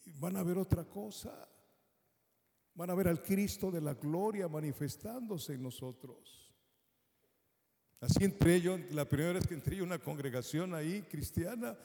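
A man giving a sermon testimony, telling his story in an animated way and acting out the voices of others. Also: fairly high pitch, gravelly. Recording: long hall reverb.

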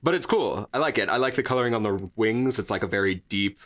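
A man's voice: lowish voice, expressive, fast, fairly bright tone. A man co-hosting a podcast, chatting casually in a rambling, jokey way full of fillers and restarts. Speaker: podcast co-host. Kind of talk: casual chat.

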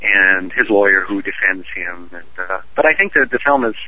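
A man's voice: sits low, expressive, normal speed, pushed and bright, no room sound, dull audio. A man being interviewed as an actor guest over a call, genial and joking. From Canada. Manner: genial, joking, chatty with fillers. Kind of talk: casual interview chat. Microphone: phone call.

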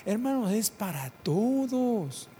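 A man preaching a sermon, swinging between loud emphatic calls and quiet prayerful passages, repeating phrases for emphasis. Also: sits high, big pitch swings, slow pace, slight background noise.

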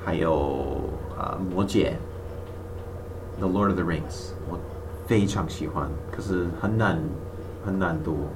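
A distant, noisy recording of a man with a low voice. He is a native English speaker using foreign-accented Mandarin, halting and very unhurried, as in a relaxed language exchange. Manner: halting, hesitant learner's Mandarin. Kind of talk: casual language-exchange chat. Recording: distant microphone, clearly noisy background.

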